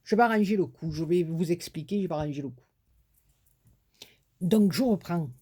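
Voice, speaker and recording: A woman's voice: lowish voice, moderate pace, dark tone, slightly rough. A woman with a southern French accent hosting a casual crafting tutorial, chatting to herself and teasing herself as she works. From southern France. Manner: chatty, talks to herself and teases herself while working.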